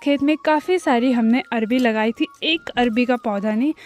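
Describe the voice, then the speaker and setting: Over loud music, a young woman with a voice on the high side talks at normal speed. She's a village lifestyle vlogger from India's Uttarakhand hills, outdoors in a hillside farm field, casually explaining things to viewers she addresses as friends.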